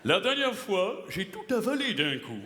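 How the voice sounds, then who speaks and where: A man playing a boastful, pompous male playwright who declaims loudly and theatrically on stage. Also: very animated, normal speed. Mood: grandiloquent. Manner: booming theatrical declamation, swings from shrill to low mutter. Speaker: stage comedian. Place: live stage in a theater hall. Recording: echoey hall, loud crowd and noise.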